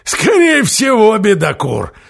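A mischievous ship's astrologer, voiced by a male reader, who teases everyone around him. His voice jumps high and lively, with laughter bubbling through the words. He sounds like he finds the whole situation hilarious. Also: normal speed, gravelly, heavily acted. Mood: teasing glee.

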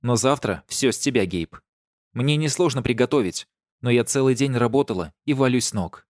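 A man's voice: medium pitch, expressive, normal speed, a little mellow, dry recording, natural voice. A man voicing a weary, sardonic werewolf woman who hands out dry, practical advice, in an audiobook. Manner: mocking, matter-of-fact advice.

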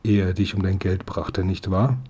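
A man voicing a kindly, friendly police inspector in a storybook reading, with a dark, husky tone. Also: low voice, steady tone, normal speed.

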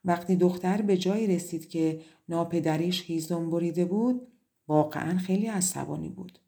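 A woman narrating a fairy tale audiobook in a measured, expressive way. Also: on the low side, creaky.

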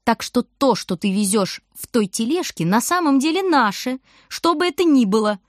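A shrill, gossiping middle-aged grocer's wife, as a woman reader puts her on pokes into everything in this storybook reading. Her voice rides well above the reader's own and comes out loud. The sound is dry and close. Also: expressive, normal speed, no room sound, natural voice. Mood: scornful. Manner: shrill, shrieking, prying. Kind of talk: audiobook character voice.

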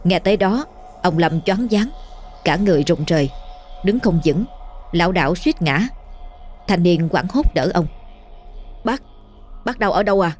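A woman reading a ghost story as scripted narration, steady and measured. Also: fairly low pitch. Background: faint music.

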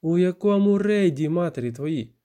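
A man's voice: lively intonation, normal speed, dark tone, close to an everyday voice. A man reading an audiobook, voicing an angry, defensive young woman who snaps and accuses. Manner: shrill, accusing, snapping.

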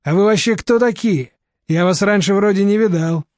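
Storybook scared man, guarded, read by a man, fairly high voice, dry close mic. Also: normal speed, a little mellow, no echo, close to an everyday voice. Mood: wary. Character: frightened wary man hiding in a wardrobe.

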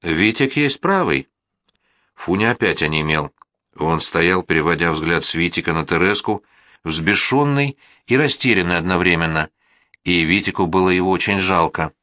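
Low-voiced male audiobook narrator. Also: moderate pace, bright, forceful tone, dry recording, studio quality.

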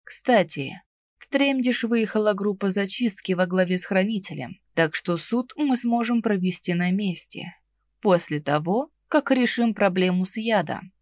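A woman's voice: medium pitch, a little slow, dry recording, studio quality, natural voice. A woman voicing a stern, commanding male witch hunter in an audiobook, with curt, clipped orders. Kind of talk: audiobook narration.

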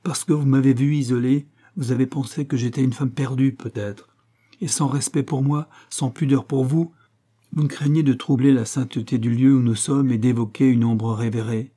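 A man's voice: mid-range voice, fairly even intonation, moderate pace, dark tone, lightly acted. A man voicing a devout young orphan woman who speaks proudly and pleads. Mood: indignant.

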